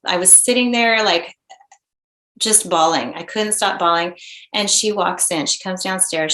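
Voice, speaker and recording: A woman in her forties, a mother and interview guest, telling a personal story in an earnest, halting way with many restarts. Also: mid-range voice, bright, forceful tone. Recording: roomy echo.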